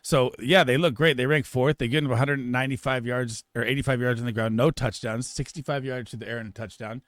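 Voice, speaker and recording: Guy breaking down fantasy football picks, emphatic and rapid, dry close sound. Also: medium pitch, steady tone, fairly bright tone, no echo. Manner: emphatic, rapid, with filler restarts. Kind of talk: casual analysis monologue.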